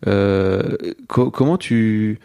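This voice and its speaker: A man hosts a podcast interview, asking loose, rambling questions. His voice is low and gravelly, with a dark, mellow tone. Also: very slow. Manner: relaxed, meandering questions with fillers. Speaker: podcast host.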